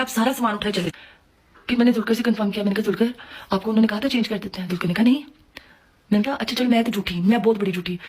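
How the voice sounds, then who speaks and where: A young woman with a Pakistani Urdu accent telling a story in a casual vlog, animated and quick, acting out what each person said. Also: on the high side. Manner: fast, animated retelling with acted-out quotes. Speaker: vlogger.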